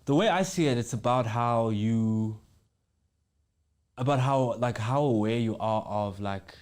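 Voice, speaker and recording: A man's voice: medium pitch, measured pace, a little mellow. A man chatting as a podcast guest, laid-back and slangy, laughing easily. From South Africa. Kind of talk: casual chat.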